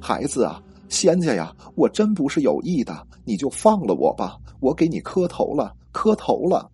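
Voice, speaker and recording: Scared old granny begging, as a male storyteller puts her on, low husky voice, says the same plea over and over. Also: wildly swooping pitch, normal speed, dark tone, no echo, soft background music, full character voice. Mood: pleading. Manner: pleading, repeating herself. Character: frightened old village grandmother begging forgiveness.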